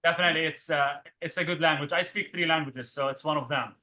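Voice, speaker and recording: Meet a man from Lebanon who grew up speaking Arabic. He talks fast in a bright, tense voice, earnestly and with small hesitations. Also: a little high, steady tone. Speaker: guest. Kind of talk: casual video-call chat.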